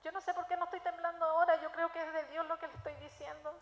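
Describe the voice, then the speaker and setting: High-voiced Chilean woman testifying in church. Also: little pitch movement, fast, dull audio. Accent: Chilean Spanish. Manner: emotional storytelling, shifts between loud and hushed. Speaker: preacher giving testimony. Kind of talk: sermon testimony. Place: church sanctuary. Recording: echoey church hall.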